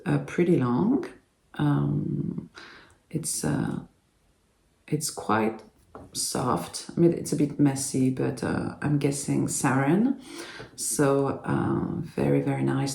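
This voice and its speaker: A French-accented collector unboxes a doll at an unhurried pace, often pausing to find the next word. The voice has a gravelly edge, and the recording carries a roomy echo. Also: mid-range voice, dark tone. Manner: halting, searching for words, with frequent ums. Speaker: doll collector and channel host. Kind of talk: casual unboxing commentary.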